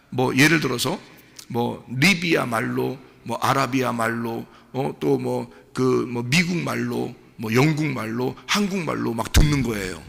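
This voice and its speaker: Gravelly, bright-voiced male pastor preaching. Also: on the high side. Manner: animated, acts out quotes and mimics speech. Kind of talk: sermon. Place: church sanctuary. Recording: long hall reverb.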